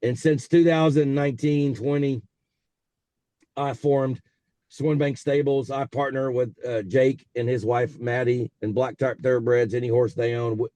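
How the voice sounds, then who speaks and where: Texan guy in his 40s chatting over car speakerphone while driving, laid-back rambly, dark dry voice. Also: medium pitch, fairly even intonation, a little slow, no echo. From South Texas. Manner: easygoing, rambling, frequent fillers. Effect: talking on a car speakerphone while driving. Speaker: interview guest, racehorse owner. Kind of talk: casual storytelling over a phone call.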